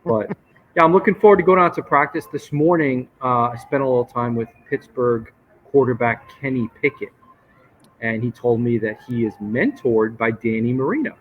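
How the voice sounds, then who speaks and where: A man's voice: mid-range voice, moderate pace. A man talking casually as a sports reporter being interviewed live from a hotel lobby restaurant. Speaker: sports reporter, guest on a show. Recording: muffled, noisy hotel lobby ambience. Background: hotel lobby noise.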